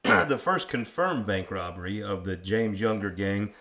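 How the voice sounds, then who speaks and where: A lower-pitched man with a rural drawl hosts a history chat. He is folksy and quick to poke fun at himself, talking casually as he asks questions. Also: sing-song, pushed and bright. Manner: folksy, self-deprecating. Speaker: interviewer and host. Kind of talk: casual local history interview.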